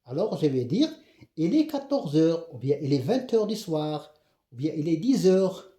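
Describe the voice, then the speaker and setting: Moroccan male teacher, very mellow, lively pitch, echoey room, patient drill-style explaining. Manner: repeats example questions slowly, checks understanding often. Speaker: French teacher. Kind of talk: classroom grammar lesson.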